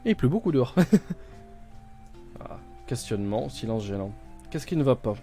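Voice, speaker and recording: A man's voice: medium pitch, expressive, moderate pace, dark tone, faint music behind. A man playing a video game on stream, thinking aloud with many fillers and restarts, reading game text out and translating it. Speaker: gaming streamer. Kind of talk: casual let's-play commentary.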